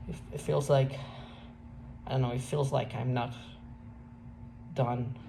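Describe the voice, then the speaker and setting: A woman's voice: a bass voice, gravelly, poor audio. Hesitant young woman, Mexican accent. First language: Spanish. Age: young adult. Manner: hesitant, halting, frequent restarts and fillers. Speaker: vlogger. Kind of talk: reflective personal vlog monologue. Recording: steady background noise.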